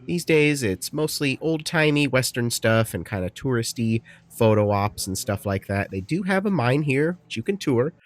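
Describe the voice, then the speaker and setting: A young man narrating his road trip as a travel vlogger, chatty and relaxed, easily impressed by what he finds. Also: medium pitch, normal speed, few pauses. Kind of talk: casual travel vlog narration. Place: desert campsite and caves outdoors.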